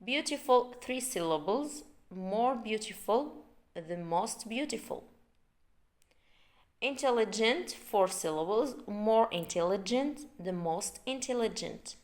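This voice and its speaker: A woman teaching English grammar at an unhurried, deliberate pace. Her voice sits at an ordinary middle pitch. She draws words out and repeats them for her learners. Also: lively intonation, darkish tone. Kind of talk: online English grammar lesson.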